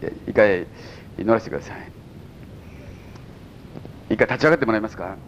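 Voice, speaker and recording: Animated pastor preaching, Mikawa accent. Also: male voice, fairly quick, lo-fi sound, a little hiss or hum. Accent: Mikawa Japanese. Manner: animated preaching with sudden high exclamations and chuckles. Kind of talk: sermon. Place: church service before a congregation.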